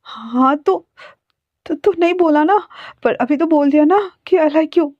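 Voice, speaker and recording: A woman voicing a young male doctor who is frightened and flustered, speaking in a rushed, panicky way. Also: high-pitched, dry recording, pitched above the performer's own voice. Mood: anxious. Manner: panicky, breathless scolding. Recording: dry, dull lo-fi sound.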